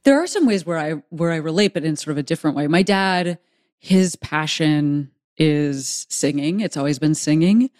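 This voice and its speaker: A middle-aged woman hosts a casual chat in a low voice. She talks freely with wry, self-deprecating humor. The sound is dry and close. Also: lively intonation, moderate pace, a little mellow, no room sound. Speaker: host. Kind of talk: casual conversation.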